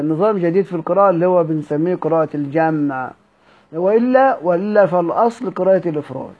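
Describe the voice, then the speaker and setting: A man with an Egyptian accent lectures on recitation in a high voice, reading from a classical text and then explaining it. He repeats himself and fills pauses with long "aah" sounds. The sound is thin and tinny, like a phone line. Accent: Egyptian Arabic. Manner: explanatory, repeats words, frequent "aah" fillers. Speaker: teacher of Quran recitation.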